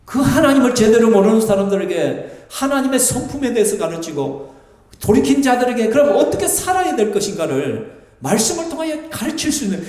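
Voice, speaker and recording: A man's voice: very high-pitched, a little mellow. A male pastor with a Busan accent, preaching a dramatic sermon and acting out the figures in the story as he questions the congregation. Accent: Busan Gyeongsang Korean. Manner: dramatic, acts out voices of the people in the story, asks the congregation questions. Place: church sanctuary. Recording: echoey church hall.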